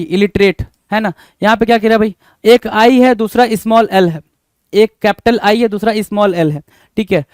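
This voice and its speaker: A man with a high, smooth, clear voice leads an exam spelling lesson. He spells each word out letter by letter and keeps asking his students what the answer is. The sound is close and dry. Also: darkish tone, no echo. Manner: spells words letter by letter, repeats questions to students. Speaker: teacher.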